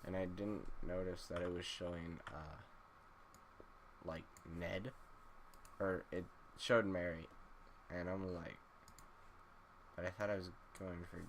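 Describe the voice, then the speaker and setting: Sleepy low-voiced man commenting on a game. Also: background noise. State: sleepy, just woke up. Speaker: gaming YouTuber. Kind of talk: casual gameplay commentary.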